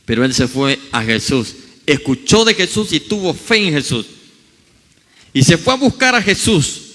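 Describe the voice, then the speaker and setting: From the pulpit of a church hall, a pastor delivers a sermon at normal speed in a high, lively voice with wide pitch swings. He acts out the scripture quotes as he goes, and a long church reverb trails each phrase.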